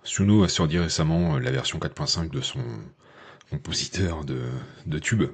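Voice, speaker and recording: Extremely low-pitched and a bit breathy, this tech channel host speaks at a moderate pace. His screen-share tutorial is relaxed and informal, full of fillers and hesitant, chatty asides to the viewer.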